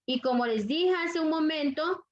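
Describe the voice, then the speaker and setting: A woman teaching a grammar lesson to young students, repeating each rule and checking that the class follows. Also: high-pitched. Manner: slow, deliberate, repeats rules, checks understanding with questions. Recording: dull lo-fi audio.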